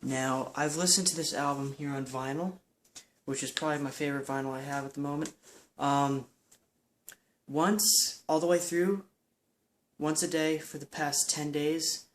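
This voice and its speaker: A man's voice: fairly high pitch, steady tone, moderate pace, a little hiss or hum. Rambling, enthusiastic guy reviewing albums. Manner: rambling and enthusiastic, many fillers and restarts. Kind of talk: casual spoken album review.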